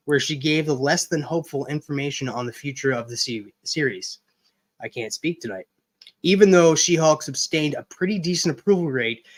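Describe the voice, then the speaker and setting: A man hosting a casual hangout livestream, chatting with viewers and reading news items aloud. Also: a little high. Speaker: livestream host.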